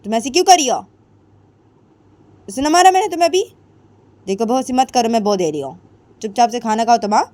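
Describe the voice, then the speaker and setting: A woman's voice: a little high, lively intonation, moderate pace, creaky, mellow, breathy edge, pitched above the performer's own voice, heavily acted. A woman voicing a stern middle-aged mother-in-law who scolds and repeats her commands. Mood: scolding. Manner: bossy, repeats threats and commands.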